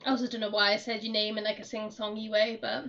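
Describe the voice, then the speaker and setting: Croaky woman streaming, chatty and rambly, kinda far from a muffled mic. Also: medium pitch, level tone, quick pace, fairly bright tone, faint music behind. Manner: chatty, rambling, laughs often. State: hoarse, losing her voice. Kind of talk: casual chat while gaming. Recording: dull, slightly distant mic.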